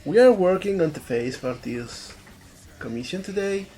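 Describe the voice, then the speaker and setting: A game developer from Spain streams his art live, chatting casually in his native Spanish with an Andalusian accent, thinking aloud as he works and often repeating words. His mid-range voice is warm, with lively intonation and a moderate pace. Soft music plays in the background.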